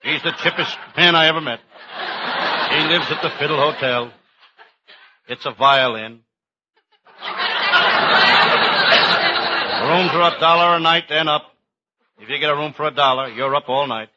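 An actor playing a wisecracking hard-boiled cop detective with deadpan delivery in an old-time radio comedy. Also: male voice, fairly high pitch, moderate pace, pauses often, lightly acted. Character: wisecracking hard-boiled private-eye cop, Sam Shovel. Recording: muffled, very noisy old radio recording.

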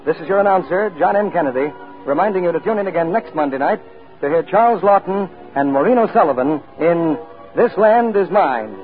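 A man's voice: sits high, expressive, brisk. A man reading the announcements of a 1940s radio show in a formal, polished announcer style. The sound is that of an old-time radio broadcast. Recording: tinny lo-fi 1940s radio broadcast, faint music behind.

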